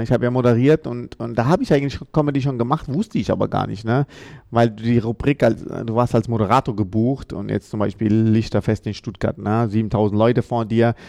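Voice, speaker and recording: A man's voice: fairly low pitch, gravelly, darkish tone, dry recording, studio quality. A middle-aged man from Ethiopia, a comedian telling stories casually in an interview, often tagging "ne?" onto his sentences. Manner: chatty, adds "ne?" after many sentences. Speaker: comedian and guest.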